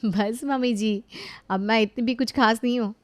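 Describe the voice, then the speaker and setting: A woman's voice: fairly high pitch, fairly even intonation, normal speed, lightly acted. Woman doing a sweet, obliging young daughter-in-law. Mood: polite. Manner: soft, polite, agreeable.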